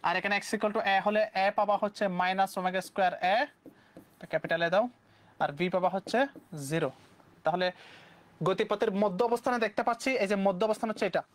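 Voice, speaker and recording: A young man from Bangladesh with a Bangladeshi Bengali accent, teaching physics exam questions briskly and mixing English terms into his speech. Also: high voice. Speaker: physics tutor. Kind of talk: exam-prep lesson.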